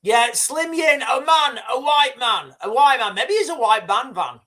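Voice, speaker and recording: This livestream host has a very high, sharp-toned voice and sounds animated, though he talks a little slowly. He rambles through casual live commentary and storytelling, restarting often and swearing frequently.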